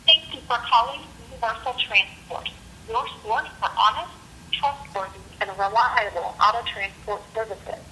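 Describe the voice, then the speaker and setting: A woman's voice: a little high, moderate pace, pushed and bright, a little hiss or hum, poor audio. A woman's recorded phone menu message, in a polished, scripted announcer delivery, heard over a landline phone. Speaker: automated phone greeting.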